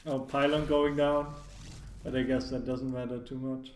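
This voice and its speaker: Guy casting a game match, lots of "like" and "i guess", mid pitch, echoey room. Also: little pitch movement, moderate pace, a little mellow. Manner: hedging, filler-heavy analysis with frequent "like" and restarts. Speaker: commentator. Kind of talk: casual live esports commentary. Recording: echoey room, faint background noise.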